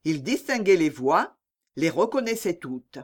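An audiobook narrator reading a classic novel in a measured storytelling manner. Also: medium pitch, sing-song.

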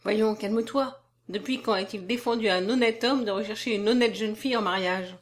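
A woman's voice: medium pitch, fast, natural voice. A confident young man who teases and lectures by turns, read by a woman. His tone sits between mockery and solemnity. It is a storybook part, close to the reader's own voice. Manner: lively, half mocking, half solemn. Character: young man, confident, teasing, self-assured suitor. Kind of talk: audiobook character voice.

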